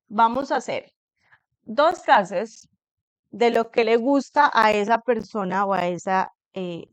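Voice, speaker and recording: A woman teacher explaining a class assignment to her students in a patient way, reading English example sentences slowly and carefully. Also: medium pitch, dry recording, poor audio. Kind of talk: recorded online class explanation. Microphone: computer screen recording.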